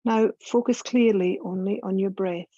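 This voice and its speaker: The clip features a woman who teaches yoga, taking listeners through a meditation at an easy pace with gentle, relaxed, mid-pitched guidance. There's no room sound, and the audio comes across dry and somewhat muted.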